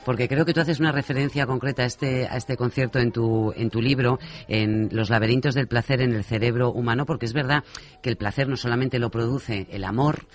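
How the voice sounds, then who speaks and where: A man's voice: mid-range voice, steady tone, a little fast. A man hosting a radio interview, chatting and prompting his guests with questions. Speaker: radio host. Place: radio studio.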